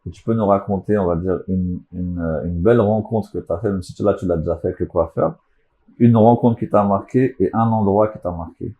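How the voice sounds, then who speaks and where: Man, podcast host, casual interview, low voice, muffled sound from farther off. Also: a little fast. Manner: brief backchannel agreement, relaxed questions.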